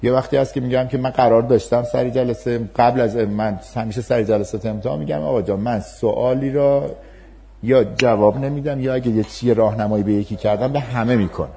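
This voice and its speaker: A male lecturer with a gravelly, mellow voice leads a class. He talks calmly and patiently, acting out empathetic replies as if speaking to an upset student. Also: medium pitch. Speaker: university lecturer. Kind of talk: class lecture with role-play demonstrations.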